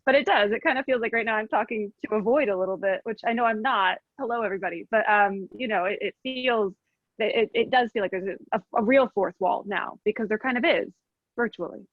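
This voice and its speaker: Female actor in a talkback, rapid chatty delivery, dull call audio. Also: mid-range voice, dry recording. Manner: quick, chatty, self-aware. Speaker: cast member on a panel. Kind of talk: casual panel discussion. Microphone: video call.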